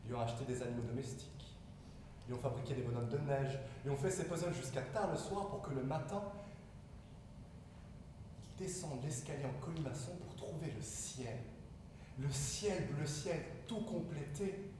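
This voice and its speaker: Guy playing a jumpy parent on stage, hushed then loud, heard far away in a big reverby hall. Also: mid-range voice, normal speed, lightly acted. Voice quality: declamatory, swings between hushed and loud. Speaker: stage actor. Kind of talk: live stage acting. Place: theatre stage. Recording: echoey hall from far off, room hiss.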